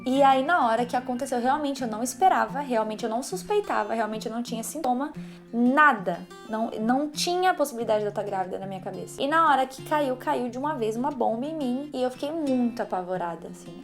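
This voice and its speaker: A young woman with a Brazilian accent, telling a personal story in a casual vlog with lively, animated delivery. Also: on the high side. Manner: animated storyteller acting out quoted voices. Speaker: vlogger. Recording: music playing under the voice.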